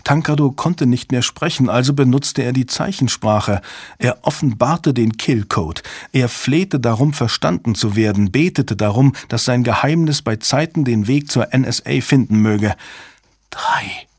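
Male audiobook narrator, husky, dry studio sound. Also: mid-range voice, moderate pace, a little mellow, no room sound. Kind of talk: scripted narration.

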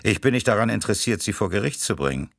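A man's voice: fairly low pitch, animated, quick pace, gravelly, no room sound, studio quality, pitched above the performer's own voice. Man voicing a curt spy leader. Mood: commanding. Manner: curt, clipped commands. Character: cold, commanding male spy leader. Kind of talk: audiobook reading.

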